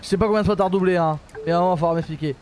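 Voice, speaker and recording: High-pitched guy streaming a bus game, cursing and ranting, goes from mumbling to yelling. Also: rapid-fire, a little hiss or hum. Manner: exasperated, swears a lot, laughs at himself; animated, jumps from mutters to outbursts. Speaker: streamer playing a bus simulator. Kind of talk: live gameplay commentary.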